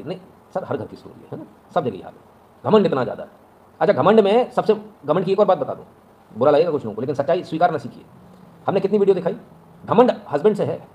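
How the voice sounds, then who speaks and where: A man's voice: mid-range voice, darkish tone. A man with a Hindi accent giving blunt advice in a lecturing monologue, often asking "right?". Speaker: online news commentator.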